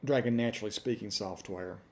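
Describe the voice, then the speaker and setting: Middle-aged male demo presenter, Appalachian accent, lowish pitch, very relaxed dark tone, deliberate casual delivery. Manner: deliberate, spelling out punctuation while dictating. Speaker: software reviewer. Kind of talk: dictation test with casual commentary. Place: room at home, indoors.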